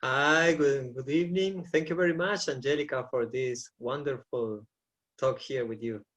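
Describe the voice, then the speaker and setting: A man's voice: medium pitch, moderate pace, fairly bright tone. A man in his forties from Argentina, a coach answering interview questions earnestly in English as a second language, often repeating words as he searches for phrasing. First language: Spanish. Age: 40s. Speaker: shamanic coach.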